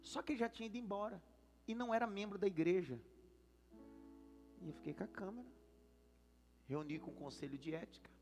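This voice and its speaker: Animated Brazilian pastor telling a story. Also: male voice, high-pitched, brisk, long pauses, faint music behind. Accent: Brazilian Portuguese. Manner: dramatic, swings between hushed asides and loud shouted lines. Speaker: senior pastor. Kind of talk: storytelling sermon. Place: church service.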